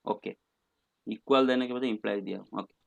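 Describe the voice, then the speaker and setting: A man's voice: on the low side, fairly even intonation, fairly quick, gravelly, lo-fi sound. A man teaching a maths class online, patient and coaxing, mixing English terms into his talk and calling students "beta".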